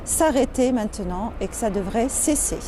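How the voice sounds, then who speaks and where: A woman's voice: on the high side, lively intonation, moderate pace, noisy background. A woman in a street interview speaking hesitantly with many fillers.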